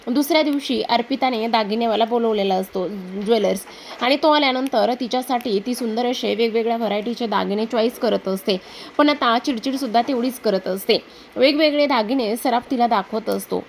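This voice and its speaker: A woman retelling a TV serial episode in a casual, unhurried, conversational way, with frequent fillers. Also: fairly high pitch, creaky, a little hiss or hum. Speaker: serial recap narrator.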